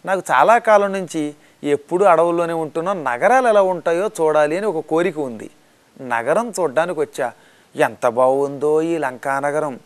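A man voicing a humble monkey god who speaks softly and courteously in a spoken discourse. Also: a little high, normal speed, lightly acted. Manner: soft, courteous, pleading.

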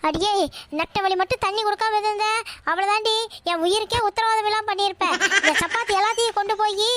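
A woman's voice: very high voice, fairly even intonation, fast, a bit bright, no echo. A woman voicing a blunt, scolding older village mother-in-law in a cartoon. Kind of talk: cartoon voice acting.

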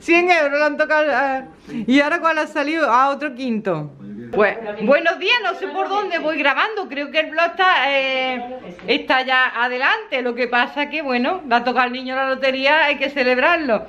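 A woman's voice: high-pitched, normal speed, pushed and bright, muffled recording. A woman with a Spanish accent from Spain, chatting casually in a vlog, laughing often and sighing with emotional exclamations. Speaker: vlogger.

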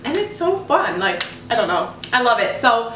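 A young woman with a fairly high voice talks through her outfits in a bubbly, gushing sorority-girl way. It is casual vlog chat, recorded in an echoey room a little way from the mic. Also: big pitch swings, moderate pace, fairly bright tone, distant mic, slight background noise. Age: young adult. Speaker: vlogger. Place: small indoor room in a home, standing before a door. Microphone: camera mic a few steps away.

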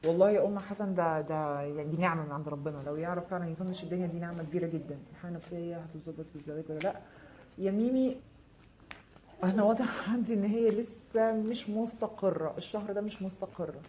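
A woman with an Egyptian Arabic accent giving a live tarot reading, answering viewers' comments with quick, reassuring, direct advice. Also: lowish voice, dark tone, slight background noise. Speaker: tarot reader.

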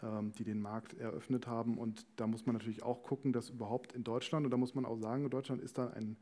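A man with a mellow mid-range voice talks fast with little pitch movement as he explains things during an on-stage interview. He's the company's managing director, a talk guest on a small indoor stage before a panel, wearing a headset.

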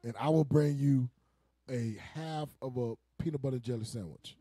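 A man with a warm, mid-range voice that has a breathy edge speaks at a moderate pace while leading a casual group teaching session. His casual preaching is mixed with joking banter, and he laughs often with the people around him.

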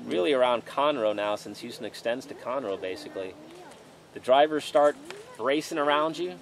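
A man in his forties, a pastor, leads an outdoor sermon and Bible study beneath a tent canopy, reading passages aloud before preaching conversationally. His voice is medium-pitched and expressive at a normal speed, captured by a camera placed at a distance.

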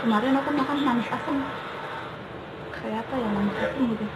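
High-voiced woman talking with mouth full. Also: a little fast, roomy sound, very noisy. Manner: talks with mouth full while eating fruit. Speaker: mukbang vlogger. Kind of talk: casual eating-show chat in short remarks. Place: small indoor kitchen. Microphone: camera or phone at arm's length. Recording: dull lo-fi sound, music over it. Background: clear background music.

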